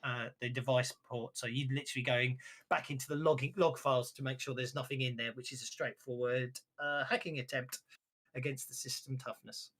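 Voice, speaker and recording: A man's voice: medium pitch, steady tone, fairly quick, fairly bright tone. A man running a tabletop game as game master, chatting and laughing with players. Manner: chatty, frequent restarts and laughs.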